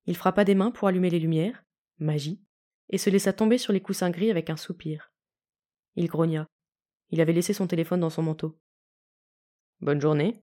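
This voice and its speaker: Low, mellow woman reading a story. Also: steady tone, a little fast. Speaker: fanfiction reader. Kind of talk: audiobook narration.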